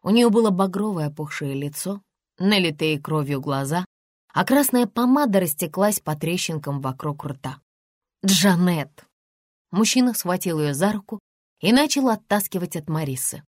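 A woman reads a novel aloud in a low, measured voice. The recording is dry and close, with no room sound. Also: lively intonation, dry recording. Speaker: audiobook narrator. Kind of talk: scripted narration.

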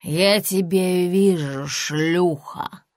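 A woman voicing a drunk, furious middle-aged woman who slurs and shouts. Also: on the low side, extremely slow, dry recording, clean studio sound. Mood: shrill, drunk. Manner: slurred, shouting.

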